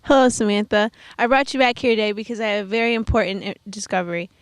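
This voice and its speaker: Brief: teen girl, mid pitch, chatty mock-reporter delivery. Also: fairly even intonation, quick pace, smooth, dry recording. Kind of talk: student news parody.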